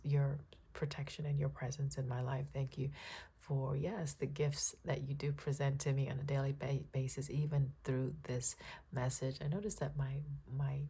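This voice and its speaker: A female tarot reader with a raspy, froggy early-morning voice offers a spiritual reading with spoken prayers. She is calm and soft-spoken, often checking in with listeners, and her voice is deep with a slight hiss or hum in the audio.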